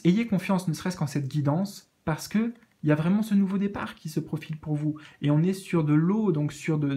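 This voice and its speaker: A man with a slightly high voice reads spiritual cards in a casual, soothing way. He stumbles and restarts often, filling pauses while he searches for the right words. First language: French. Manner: hesitant, searching for words, many fillers; gentle, reassuring. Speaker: tarot card reader. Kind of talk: casual spiritual card reading.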